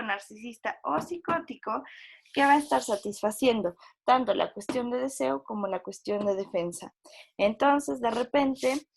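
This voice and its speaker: A woman's voice: on the high side, creaky, a little hiss or hum. A woman giving a university psychology lecture, explaining with frequent tag questions and acting out quoted inner voices.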